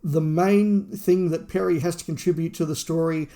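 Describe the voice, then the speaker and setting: Reviewing an audio drama on a podcast, a co-host shares pointed opinions casually and repeats phrases for emphasis. He speaks with a warm, somewhat high voice at a steady tone and moderate pace.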